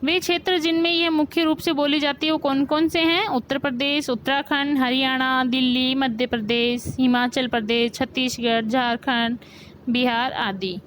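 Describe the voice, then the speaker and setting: Woman teacher, high voice, grammar lesson, quizzes the class, faint background hum. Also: steady tone, normal speed, a bit bright, low-quality recording. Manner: explains with questions to students, repeats key points. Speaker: school teacher.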